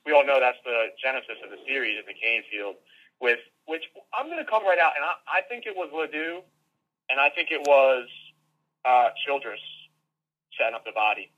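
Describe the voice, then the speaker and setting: A man's voice: mid-range voice, very animated, normal speed. Enthusiastic man on dull lo-fi audio. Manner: enthusiastic, slangy, keeps saying man. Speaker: podcast co-host. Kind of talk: casual podcast chat.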